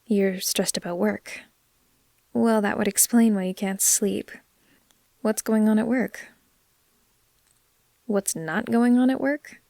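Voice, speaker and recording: In a comforting ASMR roleplay, a woman voices a caring, lightly teasing vampire, speaking softly and slowly and occasionally nearly whispering. Her medium-pitched voice is steady and gravelly, there's no echo, and her mood comes across as gentle and concerned.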